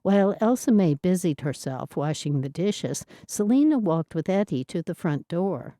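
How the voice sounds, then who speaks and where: A woman reads an audiobook in a calm, even storytelling voice. Her tone is low, mellow and unhurried, recorded dry and close to the mic. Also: no echo. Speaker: audiobook narrator. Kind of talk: scripted narration.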